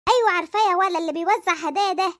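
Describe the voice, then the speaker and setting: High shrill egyptian cartoon mom, someone voicing her, teasing and gossipy, talks quick. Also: a bit bright. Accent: Egyptian Arabic. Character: nosy doting Egyptian mother, middle-aged woman. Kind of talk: cartoon voice acting.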